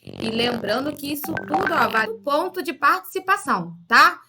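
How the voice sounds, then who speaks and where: A woman's voice: high-pitched, sing-song, normal speed, music in the background. A woman with a Brazilian Portuguese accent teaching a video lesson to young children, chatty and checking in with frequent little questions. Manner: chatty, uses frequent tag questions to pupils. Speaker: primary school teacher.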